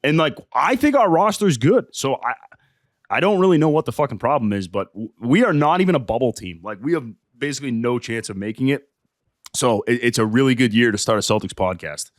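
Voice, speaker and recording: A man co-hosts a casual sports podcast in a laid-back way, grumbling about his team now and then. His voice is mid-pitched and recorded close and dry. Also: lively intonation, a little fast, dry recording. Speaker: podcast co-host.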